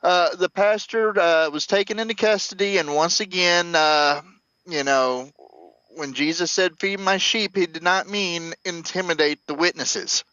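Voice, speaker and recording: A man co-hosting a comedic news chat, landing wry deadpan punchlines between lots of fillers. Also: high-pitched, a little slow, highs cut off. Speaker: co-host.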